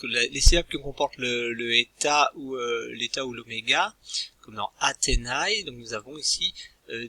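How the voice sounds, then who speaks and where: Male teacher, very bright voice, halting delivery, dry close-miked sound. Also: medium pitch, no room sound. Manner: hesitant, many filler sounds and restarts. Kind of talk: recorded language lesson.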